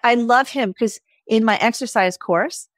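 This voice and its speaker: A woman veterinarian talking as a podcast guest, animated, often tagging her sentences with "right?" and acting out what the dogs would say. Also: a little high, unhurried, no room sound, clean studio sound. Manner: animated, tags lines with "right?", acts out pets' voices. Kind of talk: casual interview chat.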